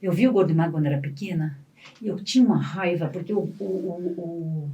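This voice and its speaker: Brazilian lady telling clown stories on the radio, lots of pitch jumps, mic kinda far off. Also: a little fast, lo-fi sound, a little hiss or hum. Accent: Brazilian Portuguese. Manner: animated, acts out dialogue with big swings in pitch. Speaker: guest, clown and actress. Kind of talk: lively anecdotal storytelling on a radio talk show. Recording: distant mic in a radio studio.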